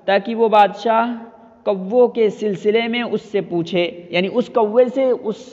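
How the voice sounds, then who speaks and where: Man, high voice, teaching, reads a phrase then explains it over and over, lo-fi reverberant recording. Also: a little mellow. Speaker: Arabic teacher. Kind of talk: line-by-line Arabic text translation lesson. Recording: dull lo-fi audio with long reverb.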